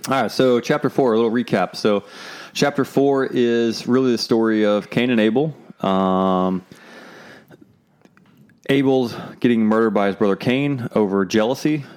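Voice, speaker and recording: A man's voice: mid-range voice, moderate pace, a little mellow, smooth. A young man co-hosting a casual Bible discussion, talking loosely with lots of fillers like "like" and "um". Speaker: podcast co-host.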